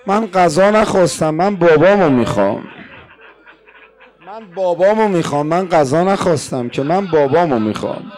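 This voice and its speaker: A man's voice: a little high, expressive, a little mellow, close to an everyday voice. A man voicing a grieving little girl who pleads tearfully for her father, within a mourning sermon. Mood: pleading.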